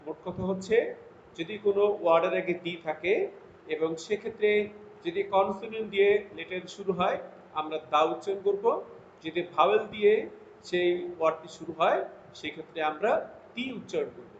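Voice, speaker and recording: A male teacher with a high voice gives a recorded grammar lesson, pausing to read English examples slowly and carefully. The sound is dull and lo-fi, with a roomy echo around him and a faint hiss underneath. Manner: slow, deliberate English example sentences between explanations. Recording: lo-fi echoey room with faint noise.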